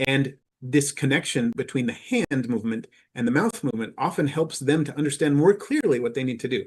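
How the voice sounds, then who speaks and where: A man giving a conference presentation to teachers, explaining in a measured way with frequent filler pauses. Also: mid-range voice, breathy edge.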